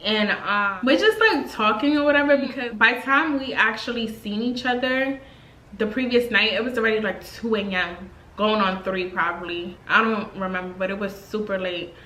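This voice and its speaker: A woman in her twenties tells a casual storytime to her vlog, chatty and expressive with plenty of slang and fillers. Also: mid-range voice, moderate pace, reverberant, rough recording. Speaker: vlogger.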